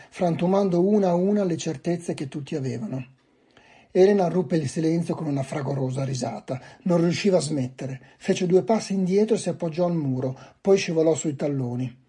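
A man reading a novel aloud in a measured, literary way. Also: fairly high pitch, dark tone, husky. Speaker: volunteer reader. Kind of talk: audiobook narration.

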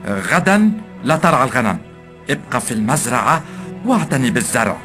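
A man's voice: medium pitch, sing-song, fairly quick, bright, forceful tone, voice pushed up. A man voicing an exasperated middle-aged merchant who keeps insisting he is not angry while fuming. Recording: background music.

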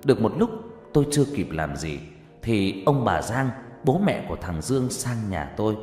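A man narrating a horror story, shifting between hushed and shouting. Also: fairly low pitch, big pitch swings, normal speed. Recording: echoey room with faint music.

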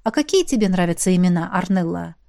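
A calm, attentive young man who speaks softly and quietly, read by a woman. His voice sits a little low and stays even and mild. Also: fast, vocal fry. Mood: gentle.

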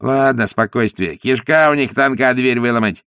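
A man's voice: mid-range voice, moderate pace, fairly bright tone, clean tone, no room sound, studio quality, pitched above the performer's own voice, natural voice. A man doing a snarling, foul-mouthed timber merchant. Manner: snarling, crude, cursing.

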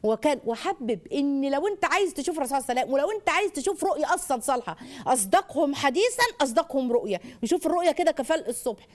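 An Egyptian woman with a high voice hosts a call-in parenting show. She talks very fast and turns animated and sing-song when she models phrases for children. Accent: Egyptian Arabic. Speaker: parenting educator and radio show host. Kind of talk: call-in advice talk.

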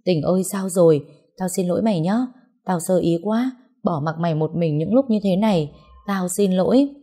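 A woman's voice: lowish voice, warm tone, natural voice. A woman voicing a flustered young friend. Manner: hurried, stammering.

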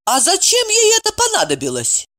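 A woman's voice: very high-pitched, wildly swooping pitch, moderate pace, a bit bright, pitched above the performer's own voice, heavily acted. A woman voicing a sly, gossipy woman friend who needles and nags. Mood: needling.

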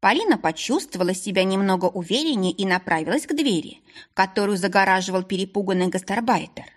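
A woman narrates an audiobook in an even, storytelling voice. Her tone is husky and a little breathy, sitting at a mid pitch. She reads steadily, without hurry. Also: fast talker. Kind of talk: scripted narration.

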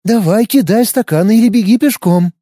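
A man's voice: sits high, warm tone, dry recording, studio quality, pitched above the performer's own voice. A man doing a teasing young elf woman. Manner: measured and sardonic. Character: composed young female elf, dry and teasing.

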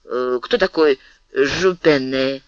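A man rumbling as a booming sleepy giant. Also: slow, dry recording, lo-fi sound, natural voice. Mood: grumbling. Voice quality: booming, gruff. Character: huge, good-natured, loud sleepy male giant.

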